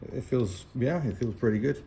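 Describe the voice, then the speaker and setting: Reviewing motorcycle gear in a laid-back unboxing video, a middle-aged male vlogger chats in plain, casual terms. His mid-range voice has a dark tone and moves at a normal speed, with a little background noise behind it.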